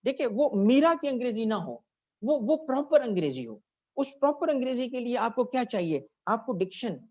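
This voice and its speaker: A man giving a classroom lecture, who keeps checking in with his students and asks them questions. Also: extremely high pitch. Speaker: teacher. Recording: dull lo-fi recording.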